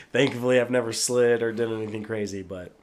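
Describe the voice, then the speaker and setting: A man's voice: fairly low pitch, fairly even intonation, moderate pace, a little mellow. A man hosting a casual chat, laid-back and playful, laughing often. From Utah. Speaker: podcast host.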